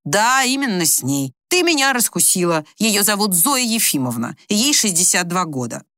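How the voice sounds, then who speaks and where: A woman's voice: medium pitch, big pitch swings, normal speed, sharp tone, no room sound. A woman reading an audiobook, voicing a dry-joking male doctor husband who talks to his wife steadily and reassuringly. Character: wry, teasing male doctor husband, patient and calm.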